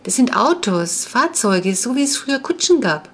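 A woman's voice: a little high, sing-song, normal speed, slight background noise, voice pushed up. A woman reading the part of a practical, caring sister, reassuring and a little impatient.

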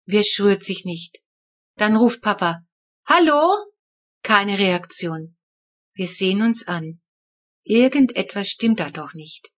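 A woman narrating a children's audiobook in the first person, with a lively, wry telling. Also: medium pitch, takes it slowly.

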